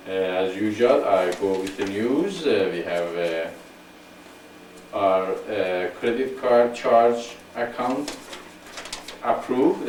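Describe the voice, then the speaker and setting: A man hosting an online spiritual gathering in casual talk, speaking slowly and deliberately and repeating himself so listeners can follow. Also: lowish voice, a little mellow. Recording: echoey room, far from mic, faint hiss.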